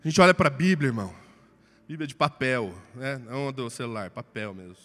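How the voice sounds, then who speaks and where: A man with a Brazilian Portuguese accent preaching a sermon, impassioned, swinging from loud to hushed. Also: mid-range voice, a little fast, in a large hall.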